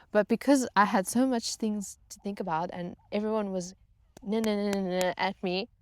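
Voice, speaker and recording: A former yacht crew member turned storytelling vlogger tells her viewers a casual, comedic personal story. Her medium-pitched voice carries no room sound, and she plays it up dramatically, mocking herself and repeating phrases for emphasis.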